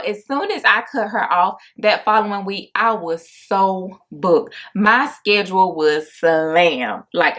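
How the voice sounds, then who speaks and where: A woman's voice: medium pitch, a bit bright. A young woman, chatting casually to her viewers about a difficult client while she does her makeup, often exasperated. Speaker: makeup artist and vlogger.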